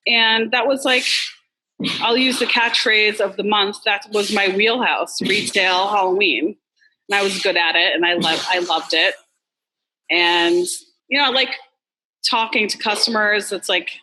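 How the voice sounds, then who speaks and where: Woman from massachusetts, bright voice, candid, chatty. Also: medium pitch, slight background noise, low-quality recording. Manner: chatty, candid, fillers like "like" and "you know", swears. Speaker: restaurant co-owner guest. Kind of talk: casual interview chat.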